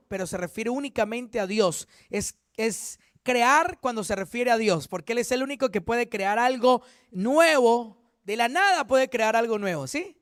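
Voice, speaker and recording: High-voiced pastor teaching a Bible study. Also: male voice, fairly bright tone, clear, resonant tone, no echo, studio quality. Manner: earnest, repetitive, self-correcting teacher.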